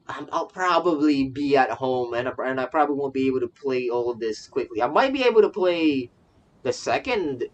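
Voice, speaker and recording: Over soft game music, a young adult streamer who is a virtual YouTuber chats in a casual, rambling way about the game, repeating phrases often. The voice is medium-pitched and the sound is lo-fi.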